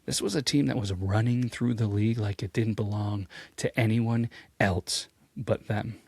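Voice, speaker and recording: A man hosting a sports ranking show, telling the story with jokey asides and rising excitement. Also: moderate pace, creaky, breathy edge, dry recording. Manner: animated, jokey, pitch swings when excited. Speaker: host. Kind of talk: energetic sports commentary.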